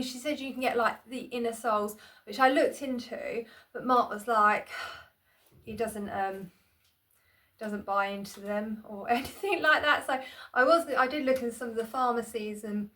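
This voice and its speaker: A woman's voice: on the high side, bright, forceful tone. A woman chatting casually to her phone camera in a small room at home, rambling and self-deprecating, with plenty of "um"s and restarts. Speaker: vlogger. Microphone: phone camera on tripod.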